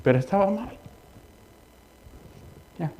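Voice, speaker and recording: A man's voice: very animated, slow, lo-fi sound, a little hiss or hum. A male pastor preaching a sermon in a conversational style, mixing personal stories with exhortation and often asking his listeners if they understand. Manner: rises high and loud in exhortation, drops quiet in storytelling. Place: church sanctuary.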